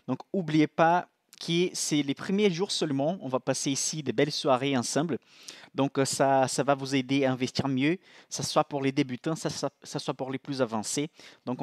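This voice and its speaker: Recorded in a clean studio with no room sound, a man with a medium-pitched voice hosts a live-streamed investing class. He's a financial analyst whose first language is Portuguese, with a Brazilian accent, and his casual style includes restarts, constant check-ins with listeners and a repeated "ok?"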